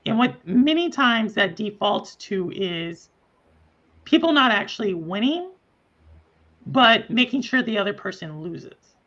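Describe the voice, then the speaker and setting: Guest thinking out loud, lots of likes and you knows, a bit lo-fi sound. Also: mid-range voice, animated. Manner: reflective, halting, lots of fillers. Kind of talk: casual chat.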